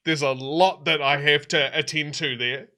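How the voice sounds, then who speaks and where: A pompous demon lord, a giant flaming head who hates being interrupted by mortals, as a man puts him on. The voice is fairly high and very bright. He talks down to everyone in a haughty tabletop-game tone. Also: steady tone, moderate pace. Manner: pompous, easily offended.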